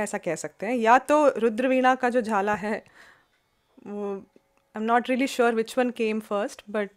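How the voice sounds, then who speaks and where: A woman teaching music in a webinar, explaining in Hindi and English and singing demonstration syllables and song lines. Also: fairly high pitch. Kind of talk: webinar lesson with sung examples. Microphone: video call.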